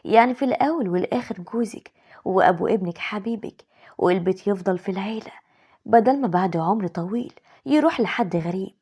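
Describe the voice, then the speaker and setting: A woman with an Egyptian accent voicing a scheming, sweet-talking mother-in-law in an animated story, in a breathy voice. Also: mid-range voice, fast talker. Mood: coaxing.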